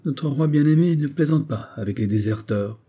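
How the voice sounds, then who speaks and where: Man putting on a brutal soldier, mocking, raised voice, dark husky tone, storybook reading. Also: mid-range voice, normal speed, pitched above the performer's own voice, lightly acted. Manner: jeering, raised and loud. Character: brutal hulking male grenadier, mocking and quarrelsome.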